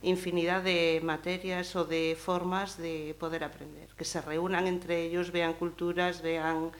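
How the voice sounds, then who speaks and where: A woman's voice: lowish voice, level tone, measured pace, slight background noise. A woman teacher speaking hesitantly, with fillers.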